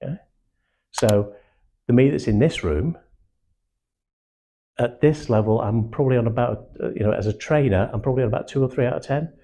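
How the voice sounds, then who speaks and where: An older man from Manchester with a hard-to-place English accent, giving a blunt, animated sales training talk to a small group and slipping into acted-out quotes. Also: mid-range voice, fairly quick, pauses often. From Manchester, England. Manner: blunt and animated, acts out quotes, swears casually.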